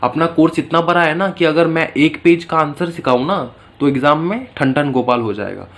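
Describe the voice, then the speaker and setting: A man's voice: on the high side, normal speed. A man teaching an exam-prep lecture casually, chatting and telling stories as he explains. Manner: chatty, storytelling, calls students "beta".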